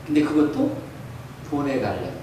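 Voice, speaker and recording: A man's voice: mid-range voice, sing-song, fairly quick. A man preaching an earnest graduation sermon, urging his listeners on. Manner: earnest exhortation, reading a quoted letter aloud. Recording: echoey hall, mic far off, faint noise.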